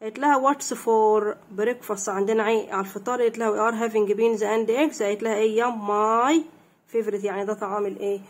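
A young woman with an Egyptian Arabic accent teaching an English lesson, reading each line slowly and then explaining it, and asking questions that she answers herself. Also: fairly high pitch, fairly even intonation. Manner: reads English lines slowly and clearly, then translates.

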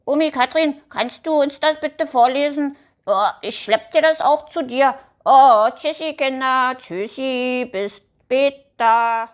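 A woman's voice: high voice, slow, pitched above the performer's own voice. A woman doing Paule, a chirpy little helper. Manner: talks of himself in third person.

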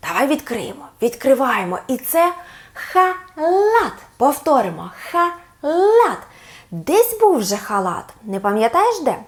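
A woman leads a child through a speech lesson in a high, bright voice that swoops up and down. She talks slowly and stretches out each target word for the child to repeat, then adds gentle praise. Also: sing-song. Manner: slow, drawn-out words for the child to repeat; gently coaxing, sing-song praise. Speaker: speech therapist.

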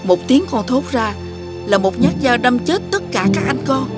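A wise, stern old fairy woman from a cartoon fairy tale, voiced by a woman. She speaks in solemn, earnest warnings, her voice slightly high. Music plays clearly behind her. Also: lively intonation, normal speed, close to an everyday voice. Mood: urgent. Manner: solemn, earnest warnings, rising urgency on key orders. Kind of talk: dubbed cartoon acting. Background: background music.

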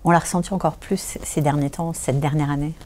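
A woman interviewer asking calm, direct questions in a casual interview. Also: sits low, a little fast, a little hiss or hum.

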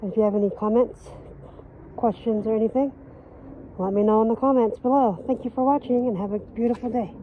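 A woman's voice: fairly high pitch, fairly even intonation, fairly quick. Breathless woman vlogging outdoors, tinny audio. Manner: chatty, apologetic asides. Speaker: vlogger reviewing her snowblower. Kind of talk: casual product demo. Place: outdoors in snow. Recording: tinny phone-like sound, faint noise.

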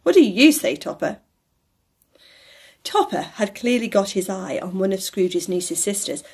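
A woman with a husky voice narrating a classic novel aloud in an expressive, measured storytelling manner. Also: fairly low pitch.

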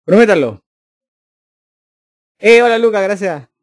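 A man's voice: sits high, animated, a little slow, no echo, studio quality. A man, a streamer joking and chatting casually with his live chat. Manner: joking, teasing, addressing chat directly.

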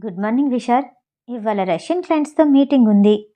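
A woman's voice: a little high, animated, quick pace, warm tone, natural voice. A woman reading the matter-of-fact lines of a businesslike young female assistant.

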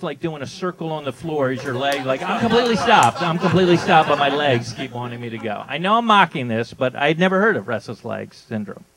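A man's voice: fairly high pitch, a bit bright. A man with a thin, whiny voice doing stand-up comedy in a conversational, mock-puzzled way, reading copy aloud with joking asides.

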